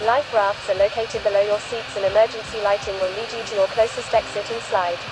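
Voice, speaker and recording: A woman playing a polite flight attendant, giving formal, measured scripted cabin announcements in a flight simulator game. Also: medium pitch, fairly even intonation, noisy background, natural voice. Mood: formal, instructive.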